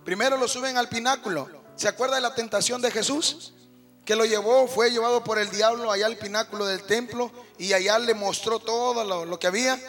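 A Mexican-accented male preacher tells his sermon like a story to a congregation, talking to them directly and calling them brother. His voice sits high for a man and rings bright, with faint music underneath. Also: steady tone, fairly quick. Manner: folksy, conversational, keeps addressing listeners as brother.

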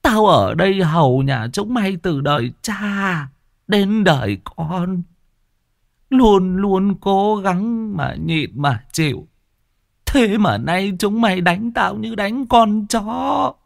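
A man's voice: medium pitch, sing-song, takes it slowly, darkish tone, breathy edge, dry recording, studio quality, pitched above the performer's own voice, full character voice. A man voicing a timid old woman cook, over sixty, who stammers and pleads through tears. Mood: anguished.

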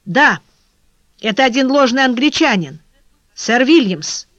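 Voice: high-pitched, expressive, unhurried, a bit bright, dry recording, voice pushed up. An anxious young workman in love who presses his questions and cries out in alarm, as a narrator acts him. The voice rises and falls widely, and the recording sounds muffled and dry. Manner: urgent, pleading, exclaiming. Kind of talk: audiobook character voice.

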